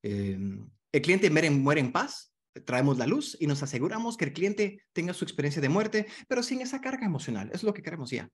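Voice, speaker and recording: A man's voice: fairly high pitch, very animated, a little fast, husky. A man teaching a hypnotherapy masterclass online, in a conversational way that keeps checking in with the class. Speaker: hypnotherapy instructor.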